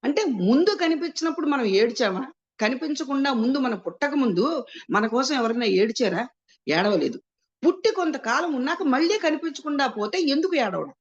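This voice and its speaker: A female spiritual teacher with a high, animated voice explains scripture at normal speed, posing rhetorical questions and answering them herself while slipping English words into her speech. The recording sounds muffled and lo-fi.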